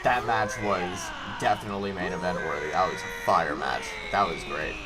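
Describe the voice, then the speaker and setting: A man's voice: low-pitched, moderate pace, loud music behind the voice. A man doing a casual watch-along reaction, blunt and exclamatory, happy to swear. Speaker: livestreamer reacting to a wrestling show.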